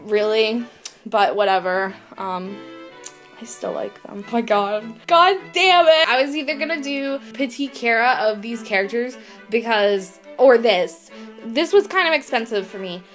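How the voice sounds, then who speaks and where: Woman unboxing stuff on her vlog, kinda high voice, says like a ton, swears, gets super hyped. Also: a little slow, soft background music. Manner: excitable, swears a lot, says "like" constantly. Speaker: vlogger. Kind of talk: casual unboxing chat.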